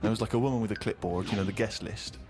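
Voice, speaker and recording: A man's voice: on the low side, steady tone, very fast, darkish tone, soft background music. A man, a podcast co-host, telling a self-deprecating comic story and acting out other people's lines.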